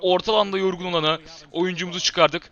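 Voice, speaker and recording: Excitable high-voiced man gaming. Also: quick pace, lo-fi sound. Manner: excitable, shouts at his players, swings to muttering. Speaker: gamer and channel host. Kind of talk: live gameplay commentary.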